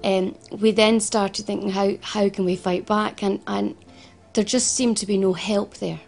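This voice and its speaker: Speaking with a Scottish Glasgow accent, a woman in her forties who runs a financial advice service tells her story in an interview, earnest and prone to restarts and repetitions. She sounds medium-pitched, steady, creaky and a little mellow at a measured pace, with faint background music.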